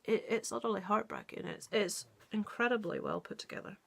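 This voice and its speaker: A woman's voice: mid-range voice, brisk, gravelly, a bit bright, a little hiss or hum. A middle-aged woman giving a casual, earnest book review and reading a story aloud, with many ums and restarts.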